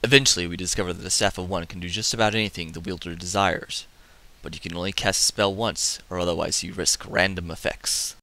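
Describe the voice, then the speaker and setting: A man hosting a comic book review, summarizing the story with excitable, casual asides. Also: deep voice, a little fast. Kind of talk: enthusiastic comic review narration.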